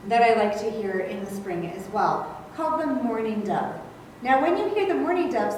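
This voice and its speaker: A woman naturalist teaches children about nature, gently coaxing them along. Her voice sits high and swings in pitch. It echoes heavily in a room and sounds distant from the mic. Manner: gently coaxing, talks to kids as friends. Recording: very echoey room, mic far off, faint background hum.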